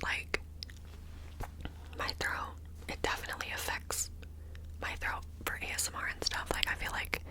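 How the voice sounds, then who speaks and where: A woman's voice: bright, forceful tone, poor audio. Whispering woman in a close ASMR ramble. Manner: whispering close to the mic, ear to ear; informal, meandering, with repeated words. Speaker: ASMR video creator. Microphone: close ASMR microphone.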